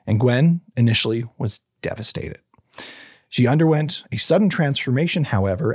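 A man's voice: medium pitch, creaky, a little mellow, husky, no room sound, studio quality. A man hosting a casual true crime podcast, reading the case from notes with stumbles, restarts and offhand asides.

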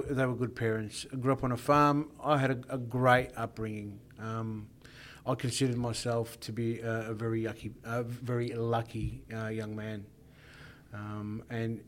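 A middle-aged man, a podcast guest in a studio, telling his life story in a reflective, hesitant way with many pauses. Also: medium pitch.

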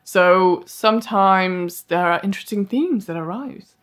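A woman's voice: medium pitch, unhurried. A woman co-hosting a podcast in casual chat, rambling with self-mocking asides. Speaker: podcast co-host. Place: live event venue.

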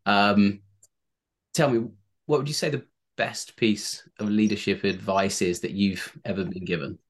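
A man's voice: on the low side, fairly even intonation, unhurried. A man hosting a podcast interview, enthusiastic and rambling with many restarts. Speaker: podcast host.

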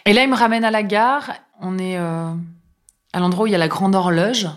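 A middle-aged woman with an average-pitched voice recounts a personal story in relaxed, everyday speech. She talks casually, drops in lots of fillers and tags, and slips into other people's lines as she goes. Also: a little fast. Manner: chatty, many fillers, acts out quoted dialogue. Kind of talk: casual spoken anecdote.

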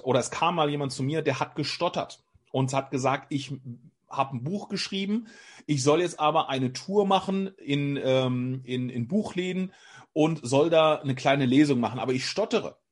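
A man talking in an interview as a leadership coach, explaining with energetic, vivid stories, frequent restarts and acted-out examples. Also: a little high, normal speed.

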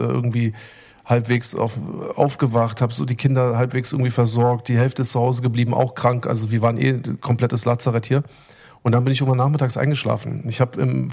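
A man's voice: medium pitch, fairly even intonation, fairly quick, creaky, darkish tone. A middle-aged man telling a story in casual chat, rambling and emotional, with many fillers and restarts. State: recovering from illness. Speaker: podcast co-host.

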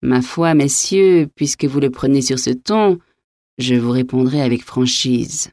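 An unflappable innkeeper answers with cool, mocking insolence, voiced by a woman reading an audiobook. His tone is low and mellow, recorded close and dry. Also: unhurried, no echo. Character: impertinent, phlegmatic male innkeeper, mocking.

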